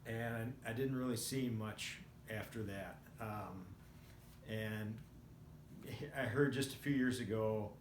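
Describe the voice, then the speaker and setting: A man in his sixties telling personal stories in a casual, rambling and reflective way, often halting mid-thought. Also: fairly low pitch. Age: 60s. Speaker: vlogger. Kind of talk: casual personal storytelling to camera. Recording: roomy echo, faint background noise.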